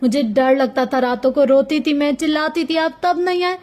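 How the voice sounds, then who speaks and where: A tearful little girl pours out her hurt at her father, as a woman reads her lines. Her voice sits very high and presses forward with accusation. It is a storybook performance. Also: little pitch movement, normal speed, darkish tone, close to an everyday voice. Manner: pleading, accusing, high-pitched.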